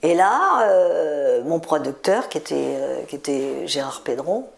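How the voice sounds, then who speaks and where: A woman's voice: low voice, lively intonation, a little slow, vocal fry. A woman in her seventies, a singer, telling stories in a chatty interview, repeating words for emphasis. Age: 70s. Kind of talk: relaxed interview storytelling.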